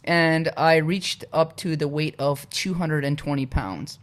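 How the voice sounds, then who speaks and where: A man's voice: a little high, a little slow. Polish-born man telling his story. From Poland. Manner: relaxed, frequent "uh" and "you know" fillers. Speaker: podcast guest. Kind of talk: casual conversational storytelling.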